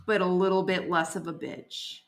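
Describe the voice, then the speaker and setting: A woman's voice: lowish voice, steady tone, normal speed, creaky, a little hiss or hum. A woman chatting casually as a player in a tabletop game. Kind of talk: casual chat.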